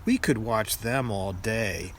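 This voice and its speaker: An older man with a grandpa voice reads a children's picture book aloud in a deliberate storytelling manner. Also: lowish voice, a little hiss or hum.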